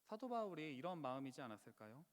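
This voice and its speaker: A man's voice: on the high side, big pitch swings, fast. A man preaching a Friday prayer sermon, earnest and pleading, now and then crying out with feeling. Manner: earnest, pleading, rising to impassioned outcries. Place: church sanctuary. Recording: long church hall reverb.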